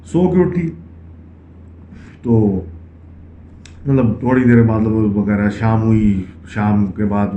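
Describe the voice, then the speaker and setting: A man's voice: fairly low pitch, long pauses, warm tone. Man telling ghost stories, tinny and echoey. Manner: conversational, mixes English phrases into Urdu. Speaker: story narrator. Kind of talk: casual horror storytelling. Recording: echoey, tinny phone-like sound with faint hiss.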